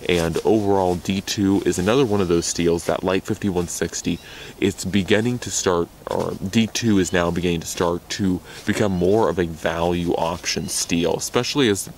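Young American man, outdoor gear vlogger: deep and gravelly, rambling and eager. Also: steady tone, normal speed, a little mellow, slight background noise. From United States. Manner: rambling, self-correcting, enthusiastic about gear. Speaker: knife reviewer. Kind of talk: casual gear review. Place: outdoors in snow.

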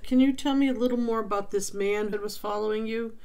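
A woman's voice: fairly high pitch, steady tone, a little fast, a little mellow. A middle-aged woman hosting a spirit box session in a casual, direct, questioning way. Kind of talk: casual vlog intro and slow questioning of a spirit.

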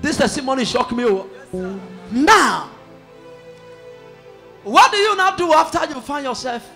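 Pastor guy, super high bright voice, shouty, music behind. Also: expressive, a little slow, creaky. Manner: emphatic, shouting and questioning. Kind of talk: preaching with call-and-response. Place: church hall with congregation. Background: music and loud congregation.

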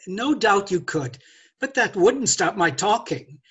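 An older man playing a glib, haughty gentleman thief in a stage play read over a video call, lecturing with theatrical condescension. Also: high-pitched, sing-song, unhurried, slightly rough, highs cut off, full character voice. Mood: smooth condescension. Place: indoors, curtained room.

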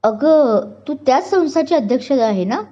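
A woman's voice: sits high, lively intonation, moderate pace, warm tone, voice pushed up. A woman voicing a young male police inspector who is polite, eager and chatty. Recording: dull lo-fi recording.

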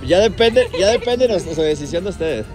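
A young Mexican-accented man with a very high, lively voice hosts a street challenge, joking and egging on the crowd. His slangy banter is caught on a phone camera in a packed outdoor plaza. A loud crowd and music fill the background. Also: fairly quick. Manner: playful teasing, slangy, cheering and counting down. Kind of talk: casual street hosting, egging people on.

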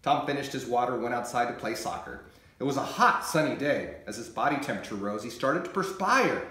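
A man reading his children's book aloud in an expressive, animated storytelling manner. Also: medium pitch, fairly quick, roomy sound.

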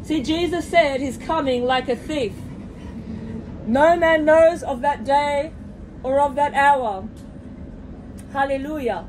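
Riding a moving train, a woman preaches fervently to fellow passengers, repeating hallelujahs and appealing to them directly as she records on a handheld phone camera. She speaks slowly with long pauses, and the low-quality phone audio is full of loud train rumble.

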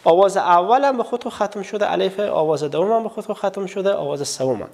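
A man's voice: high voice, darkish tone, in a large hall. A man with an Afghan Dari accent teaching a televised literacy lesson, asking his students questions and answering them himself, and drawing out vowel sounds in repeated drills. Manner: addresses students directly, asks and answers his own questions.

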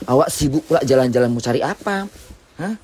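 A woman's voice: a bass voice, expressive, fast, a crowd in the background. Grumbling woman vlogger. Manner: grumbling, scolding, cooing at her cats. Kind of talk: casual monologue to camera and her cats. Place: at home during rain.

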